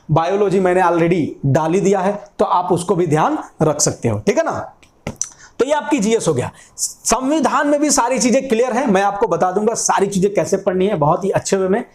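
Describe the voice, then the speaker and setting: A man's voice: high voice, roomy sound. A young man teaching an exam-prep class at a whiteboard, often repeating key points and asking and answering his own questions. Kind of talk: classroom lecture.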